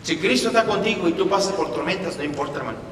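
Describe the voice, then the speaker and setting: Emphatic high-voiced preacher in an echoey hall. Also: male voice, fast talker. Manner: emphatic, repetitive, swings between loud and soft. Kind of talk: sermon. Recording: echoey hall from far off, faint rumble.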